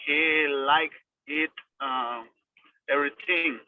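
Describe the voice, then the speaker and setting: A male student answering his teacher in a halting, hesitant way during an online class. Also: on the high side, fairly even intonation, no room sound. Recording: tinny distant phone-like call audio.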